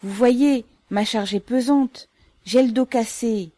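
Woman reading as an older working mother, humble and steady, raised pitch, audiobook. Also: slow, no room sound. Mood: pleading. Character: older working-class mother, calm and cunning.

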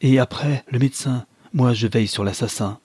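A man voicing a pompous, self-important male caretaker who makes loud, blustering threats. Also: medium pitch, normal speed, breathy edge, no echo, lightly acted.

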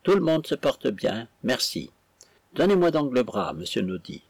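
A man voicing a timid, kind young seamstress who speaks softly and slowly. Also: mid-range voice, very animated, gravelly, slightly rough, no echo, heavily acted. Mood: gentle. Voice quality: soft, slow, kind.

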